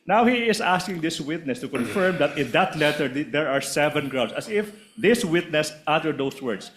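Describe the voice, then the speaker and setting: A male prosecuting lawyer argues in a courtroom with a moderately high voice. He is insistent and repetitive, pressing formal objections and cutting in on others. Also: animated, normal speed, a bit bright, slight background noise.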